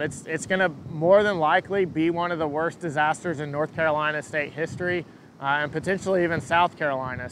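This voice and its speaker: A man giving an unscripted live weather update as a forecaster, answering questions in a halting way and repeating words as he thinks. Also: fairly bright tone, low-quality recording. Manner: hesitant, halting, repeats words mid-thought. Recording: engine rumble and wind noise.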